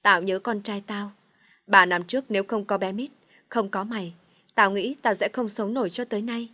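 A woman's voice: mid-range voice, steady tone, normal speed, sharp tone, no echo. A woman reading a storybook, voicing a young mother who pleads through her tears. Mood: tearful.

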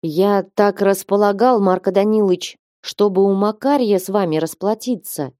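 A woman's voice: medium pitch, normal speed, dark tone, no echo, pitched above the performer's own voice, lightly acted. Anxious male trader begging for time, trembling, dry close read, voiced by a woman. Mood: pleading. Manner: pleading, trembling.

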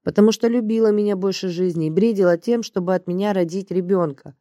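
A woman's voice: medium pitch, quick pace, dark tone, no echo, lightly acted. A woman reading the part of a blunt, crude, bossy male handler in an audiobook, in a dry, close recording. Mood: grim. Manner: blunt, rude, slangy and bossy. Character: gruff, crude middle-aged male agency handler.

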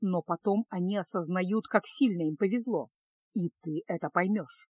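A calm high priestess, played by a woman narrator, speaks in a hushed, lowered voice. She is soft but unbending and repeats herself with quiet firmness. The audiobook sound is dry and close. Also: normal speed, slightly rough, no echo. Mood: firm. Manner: soft, low, firm.

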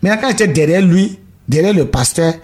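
A man from Burkina Faso telling his conversion testimony in an interview, halting and repeating himself as he acts out the dialogue. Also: sits high, lively intonation, a little mellow, slightly rough. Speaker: guest giving a conversion testimony. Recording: radio studio.

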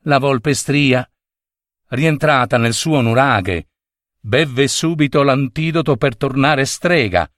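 A man reading a storybook tale aloud in a theatrical, animated way. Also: mid-range voice, takes it slowly, no room sound, clean studio sound. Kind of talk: expressive storybook narration.

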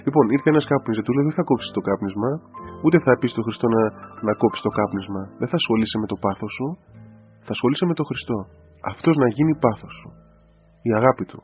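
A man, an Orthodox priest, gives an informal radio sermon and talks directly to the listener in an animated way. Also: mid-range voice. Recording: tinny phone-like radio audio with faint music.

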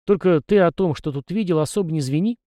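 A man voicing a brash young soldier hero in an audiobook, speaking in a lively, wry way. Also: fairly high pitch, fast talker, no echo, pitched above the performer's own voice, lightly acted. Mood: confiding.

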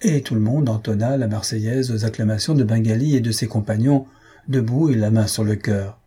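Guy reading a funny old story out loud, mellow husky voice, jumps up high for the crowd yells. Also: fairly quick. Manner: lively, raises pitch for shouted crowd lines. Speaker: audiobook reader. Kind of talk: storybook narration.

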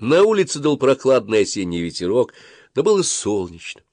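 A man narrating an audiobook in an expressive storytelling manner. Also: medium pitch, brisk, no echo.

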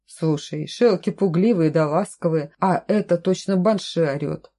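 Brief: gruff, hoarse-edged villager man, short barked lines, a woman reading him. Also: on the low side, normal speed, dark tone. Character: gruff young male villager, stubborn.

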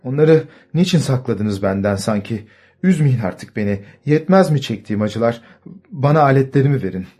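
A man voicing a distraught, confused old doctor with a hoarse, choked voice, pleading and shouting in an audiobook. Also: medium pitch, expressive, normal speed.

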